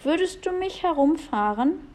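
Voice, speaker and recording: A woman's voice: high-pitched, expressive, moderate pace, a little mellow, pitched above the performer's own voice. A woman voicing a shy young prince in a children's story, speaking earnestly.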